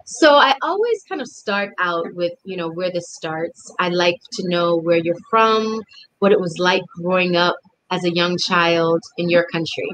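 A middle-aged woman hosting an online interview series, friendly and quick to laugh, on a video call. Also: lowish voice, a bit bright, low-quality recording. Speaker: host.

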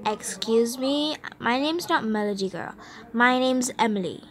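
A woman's voice: a little high, lively intonation, a little slow. A woman voicing a new girl at school who keeps correcting others with indignation. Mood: indignant.

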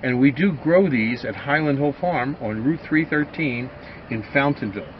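A man gives a calm, informative walkthrough at a middle pitch. The recording is a little dull. A faint outdoor hum runs underneath. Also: moderate pace. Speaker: farm grower. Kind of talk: casual promotional walkthrough.

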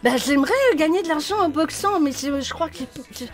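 Very high, lisping tipsy biker woman acted by a woman. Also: fast talker, soft background music, natural voice. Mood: hesitant, hopeful. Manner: lisps, saying sh-like sounds for s. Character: tipsy, giggly, joyful female biker boxer. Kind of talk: improvised online game role-play.

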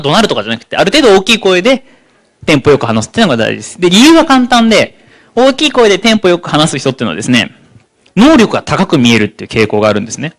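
A man giving a psychology seminar talk, speaking rapidly and slowing down for key points. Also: sits high. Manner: rapid, animated delivery that slows for key points. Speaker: lecturer on psychology.

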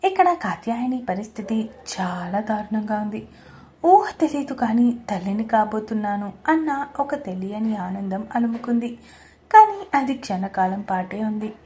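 A woman narrating a scripted audio story with a steady, expressive reading. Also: medium pitch, measured pace, a little hiss or hum.

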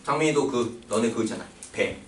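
Speaking fast and expressively at a medium pitch, this man lectures a math class casually, cracking jokes, teasing, dropping coarse slang, and checking again and again whether everyone agrees. The sound comes from a distance in an echoey, noisy classroom.

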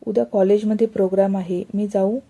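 A shy young heroine of a storybook romance, read by a woman in her own voice. She speaks hesitantly and stumbles over her words. The voice is very dark, mellow and breathy. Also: mid-range voice, steady tone, fairly quick. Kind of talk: storybook reading.

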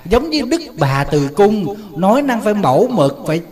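A man's voice: high voice, very animated, normal speed, darkish tone, pitched above the performer's own voice. A man voicing an older woman actress who speaks in a prim, mannered, formal way. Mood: affected. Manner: formal, fussy, affected speech.

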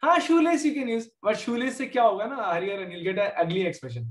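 Racing along in a high, expressive voice, a South Indian-accented man teaches maths live online from an indoor room via computer. He quizzes students informally, addressing them by name, and the recording is echoey.

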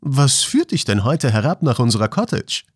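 A man's voice: mid-range voice, very animated, moderate pace, husky, dry recording, studio quality, voice pushed up. A man voicing an earnest young male miner who speaks plainly, in a storybook reading.

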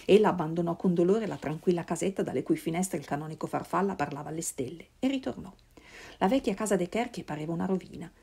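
A woman reading a literary novel aloud in a measured, solemn way. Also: fairly low pitch, creaky, mellow, husky. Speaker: reader.

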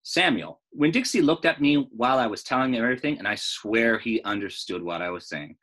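A middle-aged American man reads a story aloud like a teacher, expressive and fairly quick, with casual asides explaining things along the way. His medium-pitched voice is a bit bright.

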